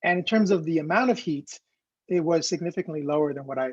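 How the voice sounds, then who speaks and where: A cooking instructor who grew up in Ecuador talks fast in a fairly high, slightly rough voice. His online class over a video call is loose and rambling, full of fillers, and the dry recording comes through as dull, lo-fi call audio.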